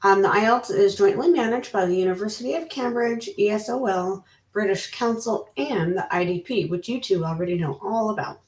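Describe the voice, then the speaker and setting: A woman's voice: medium pitch, a little fast, hardly any pauses. Chatty woman host in a roomy space. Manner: chatty, bubbly, many fillers and laughs. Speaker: interviewer host. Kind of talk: upbeat live interview. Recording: roomy, distant mic.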